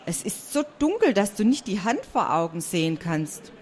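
A woman voicing a friendly, lively young male bat in a storybook read aloud, chatty and bright. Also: mid-range voice, normal speed, a little hiss or hum, close to an everyday voice. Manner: bright and chatty, sleepy when woken.

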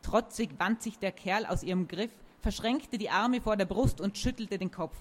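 At medium pitch and normal speed, a woman reads a children's story aloud in a lively, expressive way.

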